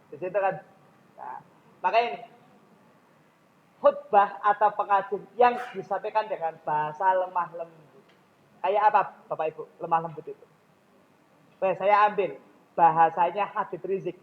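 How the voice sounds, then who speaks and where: A man's voice: high-pitched, normal speed, long pauses, phone-quality sound, a little hiss or hum. A man with a Javanese accent giving a public speaking lecture in a mosque, often questioning his audience directly.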